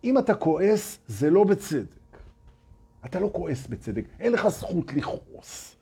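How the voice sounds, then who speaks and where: A man with a very husky, breathy voice delivers a spiritual talk to his audience. His pitch swings up and down as he presses his points. He repeats phrases for emphasis and keeps challenging listeners with questions. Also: very animated, dark tone. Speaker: spiritual teacher addressing an audience.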